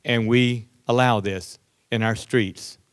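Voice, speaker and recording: A man's voice: medium pitch, fairly even intonation, slow, smooth, no echo. A man speaking at a political conference, telling stories from his work and acting out other people's words as he quotes them. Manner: storytelling, acts out other voices in quotes. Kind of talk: political speech with anecdotes. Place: conference hall.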